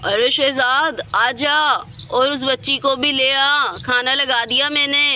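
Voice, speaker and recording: A woman's voice: sits high, steady tone, slow, sharp tone, a little hiss or hum, heavily acted. Woman voicing a blunt village mother. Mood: blunt, motherly. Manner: blunt rustic speech. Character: rural village mother, middle-aged, blunt.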